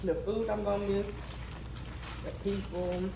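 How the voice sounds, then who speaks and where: An American woman casually chatting to viewers while eating, with savoring mms and animated, slangy talk. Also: mid-range voice, a little slow. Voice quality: talks with mouth busy eating, frequent savoring mms. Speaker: mukbang vlogger. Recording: roomy, distant mic, clear background noise.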